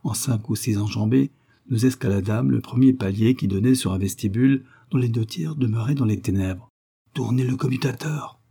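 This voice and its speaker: Husky-voiced man reading a story. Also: lowish voice, brisk, mellow. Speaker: narrator. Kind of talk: reading a comic short story aloud.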